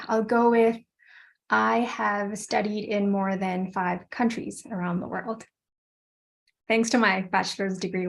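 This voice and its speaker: Gravelly-voiced woman panelist. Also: medium pitch. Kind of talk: casual online panel talk.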